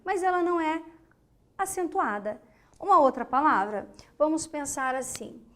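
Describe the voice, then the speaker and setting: A woman's voice: sits high, animated, moderate pace. A woman teaching a grammar lesson, patiently repeating key words and asking and answering her own questions.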